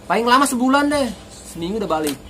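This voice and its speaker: A man's voice: extremely high pitch, sing-song, fast, a bit bright, a little hiss or hum. A man from Bogor, a vlogger talking in a playful, joking manner. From Bogor, West Java, Indonesia. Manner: playful, joking, mixes in local phrases. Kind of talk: casual comedic monologue.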